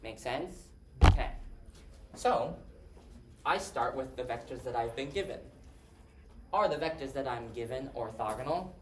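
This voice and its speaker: A man's voice: mid-range voice, animated, measured pace, pauses often. Man, lecturer, questioning the class, roomy hall, distant mic. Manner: conversational, asks the class questions. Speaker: math lecturer. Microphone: distant room mic. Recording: roomy, distant, faint hiss.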